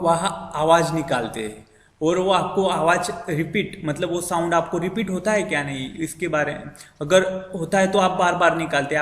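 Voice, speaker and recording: A man's voice: on the high side, fairly bright tone. A male physics teacher talks through a syllabus overview, asking questions and answering them himself and repeating key terms with many fillers. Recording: echoey room with long reverb.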